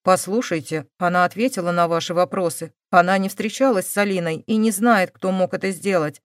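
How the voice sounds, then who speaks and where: A woman's voice: fairly low pitch, a little fast, no room sound, clean studio sound, lightly acted. A woman voicing a worried grandmother who scolds and pleads with her granddaughter. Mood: exasperated.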